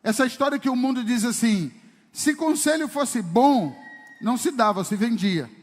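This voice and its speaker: Preaching at a moderate pace, a man serving as pastor uses a very high-pitched voice with lively intonation. His sermon is emphatic and full of rhetorical questions, recorded with the long reverb of a church service hall.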